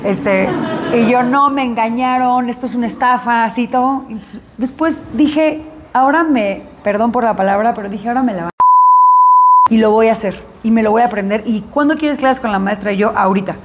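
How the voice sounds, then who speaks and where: A woman actress recounting an experience in an interview, lively and acting out the dialogue in her story. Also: fairly high pitch, brisk, noisy background.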